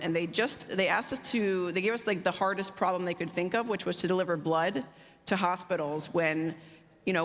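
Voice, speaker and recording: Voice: medium pitch, fairly bright tone. Upbeat panelist with a mid-range voice. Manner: fluent, upbeat, many "you know" fillers. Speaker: drone logistics company founder, panelist. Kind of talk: conference panel answer. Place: large conference hall stage. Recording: long hall reverb.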